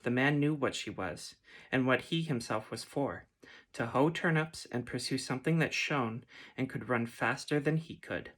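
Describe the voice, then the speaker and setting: A man reads a fantasy storybook aloud in a soft, gentle ASMR manner. His voice sits at an ordinary middle pitch and stays unhurried. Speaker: reader.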